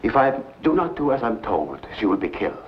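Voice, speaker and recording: Vintage film role: grave refugee scientist, low voice, formal and pleading, muffled noisy soundtrack. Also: male voice, big pitch swings, a little fast. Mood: grave, sorrowful. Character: sorrowful, captive refugee scientist, dying, resigned father. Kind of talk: vintage B-movie film acting.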